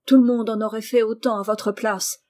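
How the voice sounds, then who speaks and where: A woman's voice: a little high, fairly even intonation, normal speed, mellow, lightly acted. A woman voicing Rose, a caring teenage girl who pleads with her cousin in an emotional, motherly way, in a storybook reading. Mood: encouraging.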